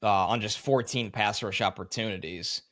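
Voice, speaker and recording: A man's voice: fairly low pitch, normal speed, fairly bright tone, no echo, studio quality. A man co-hosting a sports podcast, breaking down plays in long, analytical run-on explanations. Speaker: podcast co-host. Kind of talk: casual sports analysis chat.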